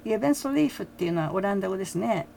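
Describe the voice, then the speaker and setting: A middle-aged woman talking casually about a concert, full of fillers and soft laughs. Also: mid-range voice, animated, rapid-fire, vocal fry, slight background noise. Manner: chatty, many fillers, frequent soft laughs. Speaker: fan reaction vlogger. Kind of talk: casual commentary.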